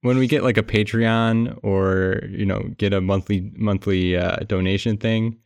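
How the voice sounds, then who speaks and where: A man's voice: fairly low pitch, steady tone, measured pace, a little mellow, dry recording. A man hosting a podcast in casual chat, recording under a blanket and often laughing as he rambles. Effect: muffled by a blanket over the mic. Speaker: podcast host.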